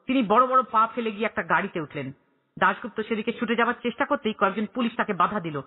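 A man narrating an audiobook in a dramatic storytelling way, voicing characters with excited rises in pitch. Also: fast talker, slightly rough. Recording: tinny phone-like audio.

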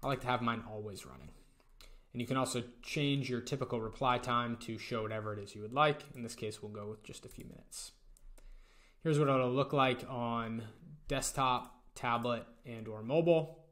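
Relaxed man walking through a tutorial. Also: medium pitch, moderate pace. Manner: relaxed step-by-step walkthrough. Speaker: tutorial presenter. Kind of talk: screen-recorded software tutorial.

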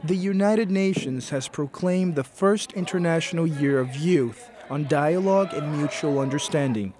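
A male narrator reads a scripted documentary in a measured, even delivery. His voice sits somewhat high for a man. A crowd murmurs clearly in the background.

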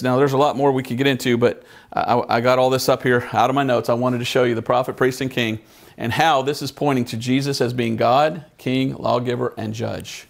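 A man's voice: mid-range voice, vocal fry. A man preaching a Bible study in church, telling stories in a chatty way and putting questions to the congregation. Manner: conversational storytelling, asks the congregation questions.

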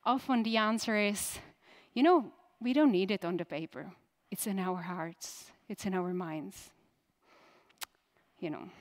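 A woman's voice: mid-range voice, a little slow. A woman in her thirties, a native Czech speaker, giving a conference keynote in a direct style and putting questions to the audience. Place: conference stage.

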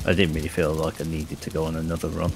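A man's voice: extremely low pitch, completely flat delivery, fast, vocal fry, noisy background. A man chatting casually while playing a co-op game, playful and fond of repeating words in a silly voice. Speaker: co-op gaming partner. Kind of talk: casual gameplay chat.

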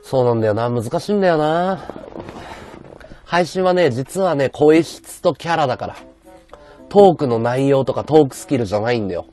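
A man livestreaming with a high-pitched voice and a sore throat, chatting bluntly and casually while reading viewer comments. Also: expressive, moderate pace, mellow, faint music behind. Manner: rough, blunt casual speech.

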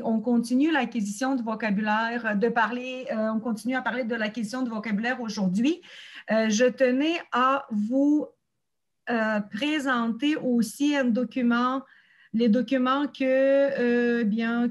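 A woman hosting an online teachers' meeting, explaining documents and ideas while searching for her words. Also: a little high. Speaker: host of a teachers' community meeting.

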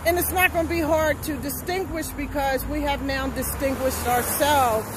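A woman's voice: sits high, fairly even intonation, normal speed. A middle-aged woman, talking emphatically into her phone while walking outdoors and asking "right?" again and again. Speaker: vlogger. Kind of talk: casual walking vlog monologue. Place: outdoors on a street. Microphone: phone held at arm's length. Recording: phone audio with street noise. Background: outdoor traffic noise.

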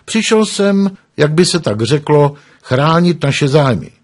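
Brief: man doing a small fat merchant, calm and smug, lively pitch.

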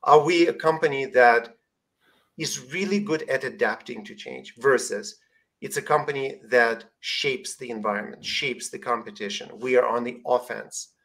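A man's voice: mid-range voice, moderate pace, creaky, a bit bright, poor audio. Earnest man speaking on a video call. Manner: earnest, restarts phrases. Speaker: guest expert on strategy. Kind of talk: webinar discussion.

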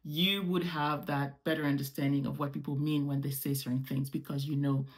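A Moroccan travel vlogger in her thirties, whose first language is French, talks casually to camera in a small room at home. She's animated and gestures with her hands as she explains, and her voice is very deep and brisk.

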